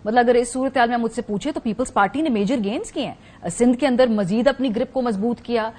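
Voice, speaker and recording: A woman speaking as an analyst in a TV studio. She has a high voice and a pointed, analytical manner. She presses the guest with sharp questions. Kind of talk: TV talk-show analysis.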